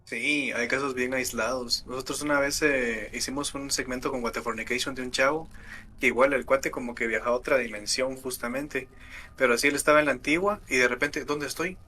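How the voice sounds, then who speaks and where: A man's voice: mid-range voice, steady tone, fairly quick, sharp tone, a little hiss or hum. A man co-hosting a podcast, chatting casually with slang. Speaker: podcast co-host. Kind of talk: casual chat.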